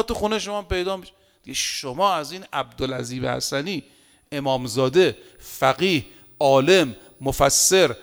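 A male preacher with a fairly high, clear, resonant voice, talking to his congregation like a neighbor. He leans on rhetorical questions and homely anecdotes, sometimes rising to a loud point and then dropping to a quiet aside. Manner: animated, swinging between loud emphasis and quiet asides. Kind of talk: sermon.

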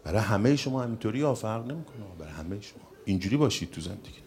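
A man giving an emotional religious storytelling talk to young people, swinging from loud emphatic lines to soft hushed ones. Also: lowish voice, lively intonation. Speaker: religious speaker.

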